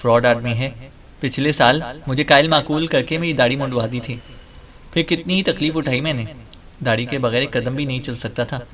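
A man's voice: mid-range voice, a bit bright, highs cut off, lightly acted. A man voicing a huffy bearded sidekick. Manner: huffy, complaining. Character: fussy bearded male sidekick.

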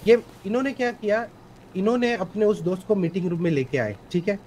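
A man's voice: sits high, a little fast, darkish tone, a little hiss or hum, rough recording. A man playing a police officer in a role-play court hearing, testifying politely but insistently and mixing English phrases into his Hindi, over a headset.

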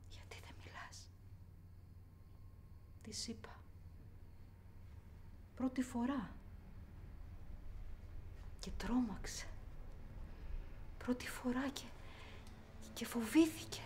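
A woman's voice: on the high side, pauses often, darkish tone, natural voice. An actress performing a theatrical monologue as a young woman haunted by childhood abuse, repeating words obsessively and swinging between whispers and outbursts. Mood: bitter. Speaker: actor.

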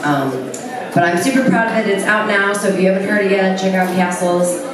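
A woman's voice: medium pitch, a little fast. A young woman singer chatting casually with fillers between songs at a concert, into a stage mic. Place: large concert venue, on stage. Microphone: handheld stage mic on a stand. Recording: echoey venue recorded from far off in the crowd. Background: band music and cheering crowd.

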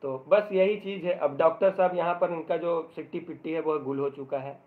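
A male teacher giving a live online English lesson in Hindi, joking as he explains and reading the English passages aloud very slowly. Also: a little high, fairly even intonation. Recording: tinny phone-like audio.

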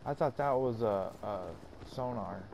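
A man chats through a live shooter match, giving casual squad orders and swearing as he goes. His medium-pitched voice sits in clearly audible game noise. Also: unhurried, darkish tone. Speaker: video game player. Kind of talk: live team shooter gameplay chat. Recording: game gunfire and noise behind voice. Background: video game sound effects.

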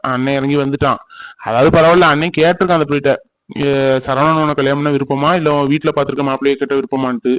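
A man's voice: medium pitch, steady tone, fairly bright tone, no echo, lightly acted, low-quality recording. A man voicing a heartbroken, lovesick young village man, speaking in a mournful, pleading way. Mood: troubled. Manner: mournful, pleading, slow and tearful. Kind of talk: cartoon voice acting.

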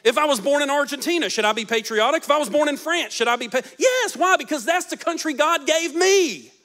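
A pastor in his forties gives a sermon on a big church stage, handheld mic in hand, speaking fairly quickly with lively intonation. Some lines come out loud and emphatic, others soft and low.

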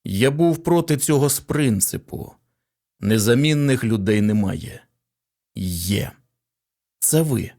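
A man voicing a cautious male professor with a husky voice, speaking slowly and carefully. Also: mid-range voice, expressive, dark tone. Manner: slow, cautious.

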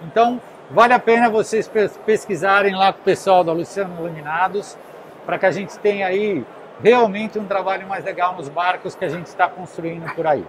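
Host masculino, 40 e poucos, voz alta, perguntas rápidas em feira náutica. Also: male voice, sits high, slight background noise, low-quality recording. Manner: curious, conversational, quick follow-up questions. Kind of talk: casual interview at a trade show. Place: indoor boat show stand. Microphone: handheld recorder.

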